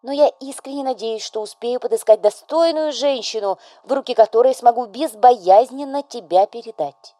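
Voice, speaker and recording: Woman doing a bossy dramatic widow mom, loud and high, nagging her son, audiobook. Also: normal speed, dry recording, clean studio sound, close to an everyday voice. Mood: scolding, tragic. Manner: scolding, pressing, melodramatic. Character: overbearing widowed mother, fussy and dramatic.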